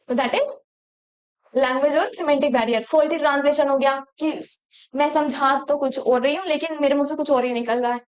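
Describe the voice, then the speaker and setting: High-voiced woman teacher lecturing. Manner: explains in Hindi mixed with English terms, asks the class rhetorical questions. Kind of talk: exam-prep lecture.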